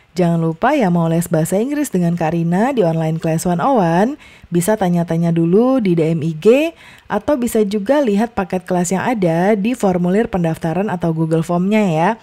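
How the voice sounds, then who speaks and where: A young woman tutoring young children in a chatty, casual way, often adding a soft "ya" and stressing words strongly to model intonation. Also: mid-range voice. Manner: chatty, many fillers and tag "ya"; exaggerated emphasis when modeling intonation. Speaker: online tutor.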